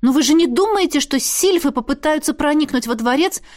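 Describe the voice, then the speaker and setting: A woman's voice: sits high, a little fast. A woman narrating a fantasy audiobook, reading every character's lines expressively. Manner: lively, switches voices for characters.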